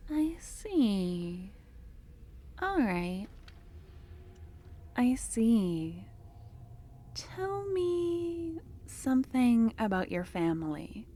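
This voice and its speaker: A young woman voices an obsessive, possessive female cultist in an ASMR roleplay, performing a full character voice at a fairly high pitch. She speaks in a soft, close murmur that drops into whispers, her tone doting and unsettling.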